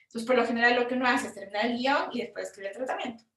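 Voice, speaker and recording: Chilean woman, film producer, higher voice, frank workshop talk, roomy room, set back from the mic. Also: a bit bright, far from the mic. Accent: Chilean Spanish. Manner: frank, conversational, quick asides. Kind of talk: explaining in a workshop.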